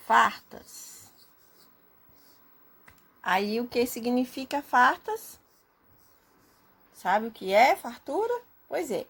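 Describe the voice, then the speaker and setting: Woman, teacher, slightly high pitch, slow patient explaining, checks understanding often. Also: husky. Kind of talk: recorded remote class lesson.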